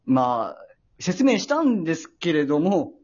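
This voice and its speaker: Hesitant, lively-pitched man with a husky voice. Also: highs cut off. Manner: hesitant and polite, full of pauses and filler. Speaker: host. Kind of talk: casual radio talk, storytelling.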